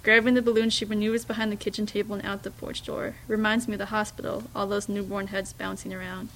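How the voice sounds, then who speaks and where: A woman reading a first-person story aloud, in a hushed, reflective way with small slips and restarts. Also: medium pitch, flat delivery, fast talker, slight background noise, low-quality recording. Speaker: reader.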